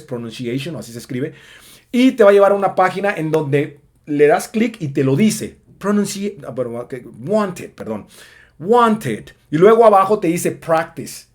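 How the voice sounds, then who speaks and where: A man giving a casual spoken English lesson, chatty with lots of fillers. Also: on the high side. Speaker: English teacher.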